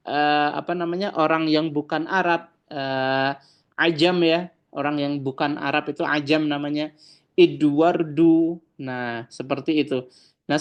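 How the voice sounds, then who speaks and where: Slow, patient online language teacher. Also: medium pitch. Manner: draws out Arabic words slowly, then explains them; addresses the students as friends, explanatory. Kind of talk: online grammar lesson.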